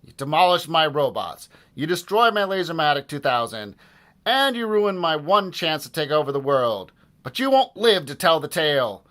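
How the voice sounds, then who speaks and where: A man voicing a shrill, ranting evil mad-scientist villain in a storybook reading. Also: very animated, moderate pace, a bit bright. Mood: gloating. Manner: ranting, shrieking.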